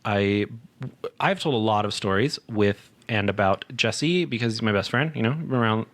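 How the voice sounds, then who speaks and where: A man's voice: lowish voice, moderate pace, a bit bright. Easygoing man hosting a podcast. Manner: easygoing storyteller, laughs often. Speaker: podcast host. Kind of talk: casual podcast banter.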